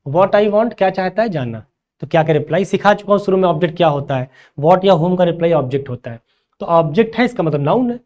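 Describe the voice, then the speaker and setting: A man's voice: high-pitched, animated, fast, a little mellow, highs cut off. A male teacher giving a grammar lecture, who asks rhetorical questions and answers them himself and calls his students "beta".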